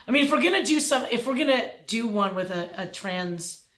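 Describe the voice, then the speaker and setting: A woman's voice: fairly high pitch, animated, brisk, a bit bright, roomy sound. A woman chairing a meeting, upbeat and conversational as she calls on members. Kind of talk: meeting discussion.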